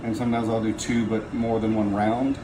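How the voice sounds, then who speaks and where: A man's voice: fairly low pitch, flat delivery, a little fast. A man speaking casually and conversationally about his own experience as an ice bath practitioner. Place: garage. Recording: echoey garage, clear background noise.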